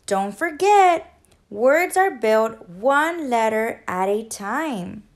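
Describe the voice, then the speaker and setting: A woman voicing a cheerful little female yellow bird who teaches, in a storybook read-aloud, with a bright, chirpy, enthusiastic delivery. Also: high-pitched, lively intonation, slow pace. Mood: warm, cheerful.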